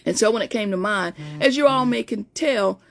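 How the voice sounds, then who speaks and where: A woman in her fifties with a gravelly voice that falls somewhere between feminine and masculine, at a medium pitch and moderate pace. She's a life coach chatting casually to live-stream viewers, telling stories in a talkative way and often restarting her sentences.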